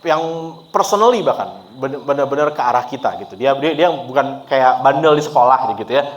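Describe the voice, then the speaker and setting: Chatty man preaching a relaxed sermon. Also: mid-range voice, a little fast, muffled recording. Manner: relaxed and chatty, laughs often, mixes in English words. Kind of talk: conversational sermon. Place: church service.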